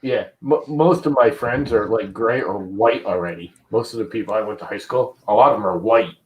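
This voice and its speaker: A man's voice: lowish voice, brisk, dull audio, a little hiss or hum. A man in his fifties in a casual group chat, blunt and ranting, swearing casually. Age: 50s.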